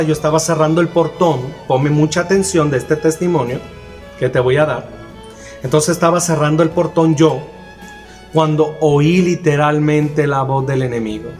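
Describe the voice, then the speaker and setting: A man preaching a sermon, earnestly telling a personal testimony and repeating phrases for emphasis. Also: fairly high pitch. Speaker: minister.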